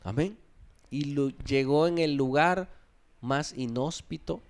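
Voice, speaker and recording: Mexican pastor preaching, questions the congregation. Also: male voice, on the high side, slow. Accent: Mexican Spanish. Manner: conversational preaching with rhetorical questions and acted-out quotes. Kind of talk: sermon.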